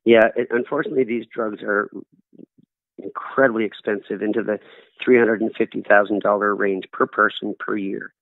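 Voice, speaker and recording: Speaking at a moderate pace in a steady tone, a middle-aged Canadian guest gives conversational interview answers, earnestly recounting stories with acted-out quotes. His voice is on the low side, and the dry recording sounds like a tinny phone line.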